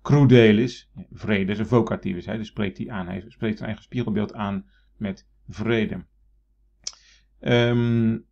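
A man's voice: fairly low pitch, creaky, darkish tone, muffled recording. A man teaching Latin, thinking aloud with many fillers and restarts and reading verse aloud in a raised voice. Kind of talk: explaining a Latin text.

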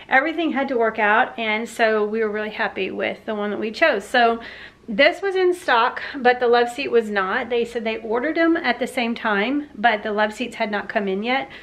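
Southern american lady in her 40s chatting away at her living room, lots of ums and restarts, voice a bit on the high side. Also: normal speed, fairly bright tone. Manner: chatty, rambling with many fillers and restarts. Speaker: home vlogger. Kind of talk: casual chat. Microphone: handheld camera at arm's length.

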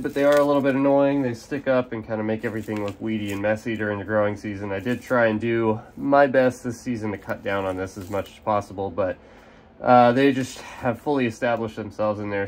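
A young man with a mid-range voice, a bit nasal from a cold, gives an easygoing hands-on gardening demonstration as a carnivorous plant grower. He's relaxed and explanatory, casual with fillers, working outdoors in sunlight at a potting table while an overhead camera films and he stays off frame.

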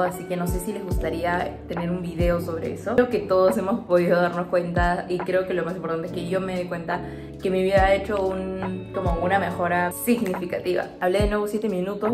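In an echoey room, a young Peruvian woman speaks a little fast with little pitch movement and a lowish voice. Her Peruvian Spanish accent comes through as she gives upbeat, confiding, chatty vlog narration, in her twenties, over background music.

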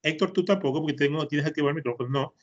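A patient male teacher with an Ecuadorian Spanish accent, leading an online class for children and drilling pronunciation by saying words over and over. His voice is a little husky and sits fairly high for a man. It comes through a computer mic on a video call, muffled and lo-fi. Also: rapid-fire. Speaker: English teacher.

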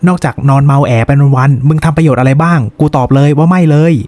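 A vulgar young adventurer who scolds bluntly and fast in a fairly high voice, as a man puts him on. The sound is dry and close. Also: a little mellow, no room sound, natural voice. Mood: scolding.

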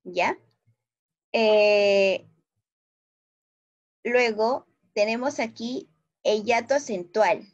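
A woman's voice: on the high side, extremely slow, pauses often. A woman teacher with a Peruvian Spanish accent explaining a grammar lesson patiently to primary pupils, checking often that they understand. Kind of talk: online class explanation. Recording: dull lo-fi sound.

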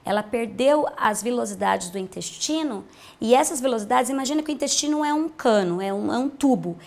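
Speaking briskly with lively intonation, this woman has a fairly high, gravelly voice that's a little mellow. She's a nutritionist in her thirties with a Brazilian accent, patiently and plainly explaining diet for a TV health interview through simple comparisons, recorded on a lapel mic in a bright, large-windowed room.

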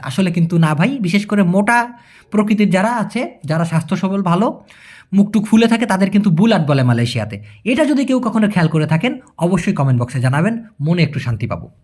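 Coaxing man with a lively voice. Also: high-pitched. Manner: repetitive, coaxing, checks understanding often. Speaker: language teacher. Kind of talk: explaining Malay vocabulary to viewers.

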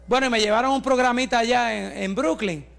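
High, gravelly-voiced preaching man. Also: fairly quick. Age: 40s. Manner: fervent preaching, rising to shouts, with joking asides. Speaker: pastor. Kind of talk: testimony sermon.

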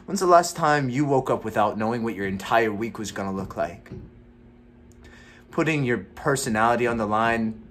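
A man's voice: mid-range voice, animated, normal speed, a bit bright, slight background noise, voice pushed up, lightly acted. A young man playing a gloomy, stressed struggling actor in a naturalistic, hesitant dramatic monologue. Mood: frustrated, despairing. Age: young adult. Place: small room indoors at home.

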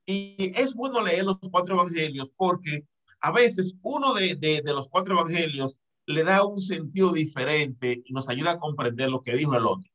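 A man's voice: fairly high pitch, normal speed, sharp tone. A man in his forties preaching an earnest Bible study to young people from a bedroom at home, speaking into a webcam and gesturing with both hands. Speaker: youth Bible study teacher. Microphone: webcam on a video call.

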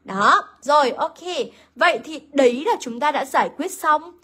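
A woman teaches an online literature class on a poem, speaking at a moderate pace in a high, expressive voice with a sharp tone. She asks the students questions, answers them on her own and repeats key points.

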